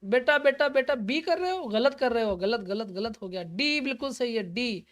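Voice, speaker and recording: A woman teaching a live online exam-prep class, encouraging and patient, who repeats answers and spells words out slowly. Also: on the high side, animated.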